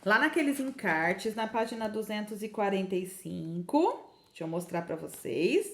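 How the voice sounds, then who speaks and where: A Brazilian woman teaching a remote lesson to young children, sounding out words syllable by syllable in a slow sing-song way. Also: mid-range voice, lively intonation, fairly bright tone. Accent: Brazilian Portuguese. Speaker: primary school teacher.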